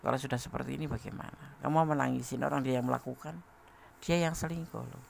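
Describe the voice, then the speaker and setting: Tarot reader, male, very gravelly, chatty, laughs a lot, talks straight at the listener. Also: medium pitch, steady tone, fast, a little hiss or hum. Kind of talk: casual tarot reading to a viewer.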